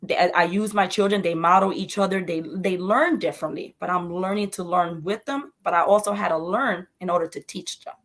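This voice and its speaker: Mom talking earnestly in an interview, emphatic, repeats words a lot. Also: female voice, fairly low pitch, steady tone, brisk, hardly any pauses. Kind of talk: interview conversation.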